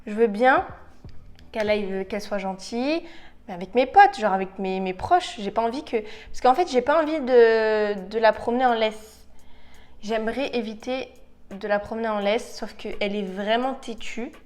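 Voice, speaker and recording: Here the beauty vlogger, a young woman with a fairly high voice, chats through her makeup tutorial at a moderate pace and with a slightly mellow tone. English phrases pop up in her speech, along with playful outbursts.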